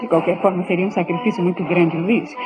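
A woman's voice: lowish voice, fairly even intonation, quick pace, close to an everyday voice, poor audio. An actress with a Brazilian accent playing an anguished, lovelorn young mother in a radio soap opera, theatrical and defensive. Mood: defensive, sorrowful. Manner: theatrical, emotional, emphatic. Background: music.

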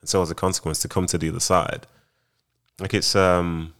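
A man's voice: low-pitched, flat delivery, a little fast, fairly bright tone. A young man, a retired footballer now in broadcasting, answering interview questions in a laid-back, rambling way.

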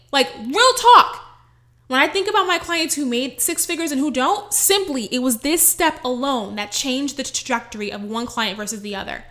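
A woman life coach giving a casual motivational talk, blunt and animated, with frequent swearing. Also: fairly high pitch.

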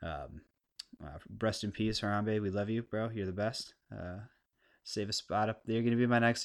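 A man with a harsh stoner skater voice, rambling casually and unscripted through a solo podcast with crude, self-deprecating humor, clearly recorded on a podcast mic. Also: fairly low pitch. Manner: laid-back, rambling and unscripted. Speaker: podcast host. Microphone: podcast microphone, clean close sound.

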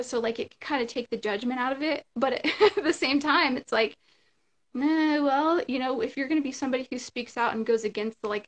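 A woman guest talking casually and rambling with many fillers, over a video call. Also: fairly high pitch. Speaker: interview guest. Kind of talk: casual spiritual chat.

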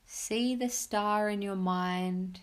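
A woman's voice: mid-range voice, steady tone, clean tone. A woman hosting a mindfulness podcast, giving soothing guided meditation instructions in simple, encouraging phrases. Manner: soothing, unhurried instructions with pauses.

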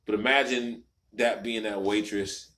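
Lower-voiced man in casual chat. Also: steady tone, a little slow, fairly bright tone. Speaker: podcast co-host. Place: home garage.

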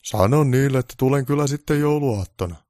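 A man's voice: mid-range voice, a little mellow, no echo, clean studio sound, pitched above the performer's own voice, natural voice. A man voicing a grumpy old Santa Claus with bellowing, blustery threats, in a comic storybook reading. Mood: gruff.

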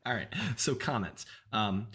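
A man's voice: lowish voice, expressive, unhurried, pushed and bright. An American man hosting a casual podcast chat, upbeat and leaning on fillers like "like" and "um". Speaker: podcast host.

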